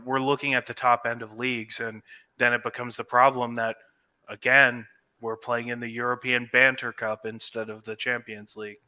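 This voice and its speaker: A man's voice: mid-range voice, bright, forceful tone. A man co-hosting a podcast, giving thoughtful, analytical takes in casual football chat. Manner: thoughtful, analytical, lots of restarts. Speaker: podcast co-host.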